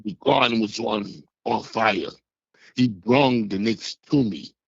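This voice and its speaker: A man in his sixties calling in over the phone, telling a rambling, halting story from years past. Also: lowish voice, gravelly, husky, no room sound. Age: 60s. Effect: heard over a phone line. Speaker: caller. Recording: muffled phone line.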